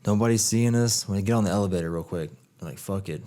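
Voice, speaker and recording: A young man with a fairly low voice hosts a casual podcast chat. He tells stories in a loose, laid-back way and swears freely. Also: fast, warm tone. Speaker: podcast host.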